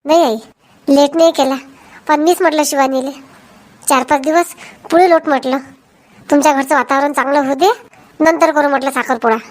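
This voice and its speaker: A worried young husband with a Varhadi accent, earnest and protective of his wife, as a woman voices him. The voice sits high for a man and carries a cartoon's quick, plain delivery. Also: steady tone, close to an everyday voice. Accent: Varhadi Marathi. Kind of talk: Marathi cartoon voice acting.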